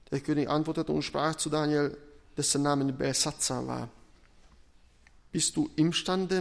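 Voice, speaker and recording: A man preaching a sermon and reading scripture, deliberate and emphatic, with pauses between phrases. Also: on the high side, big-room sound.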